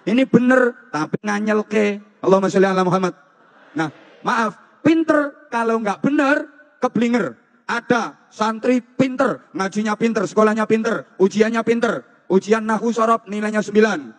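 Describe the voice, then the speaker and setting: A man with a Javanese accent preaches a humorous sermon, teasing the crowd and hammering phrases in playful repetition. His voice sits a little high for a man, and it rings with the long reverb of a large hall. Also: moderate pace. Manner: jokey, repetitive rhythmic phrasing, teasing the audience.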